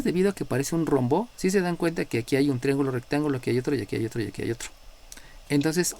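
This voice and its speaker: A man with a Mexican accent teaches a live math class at a middle pitch. He explains step by step, checks in often with his students and calls on them by number. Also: darkish tone. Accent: Mexican Spanish.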